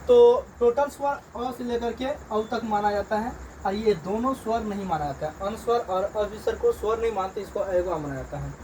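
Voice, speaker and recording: A man, a teacher slowly drilling beginners through letters and sounds in a reading lesson, repeating each one. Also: high voice. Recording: distant mic, loud crickets and traffic.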